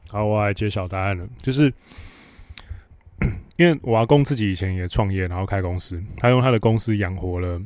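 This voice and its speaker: A man's voice: on the low side, moderate pace, pauses often, a little mellow, no echo. A man with a Taiwanese Mandarin accent hosting a podcast, telling a work story in a blunt, sarcastic, casual monologue. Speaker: podcast host.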